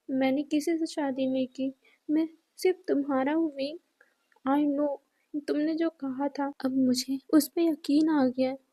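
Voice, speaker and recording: A woman's voice: sits high, mellow. Woman voicing a grief-stricken young man. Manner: pleading, repeats and stumbles over words.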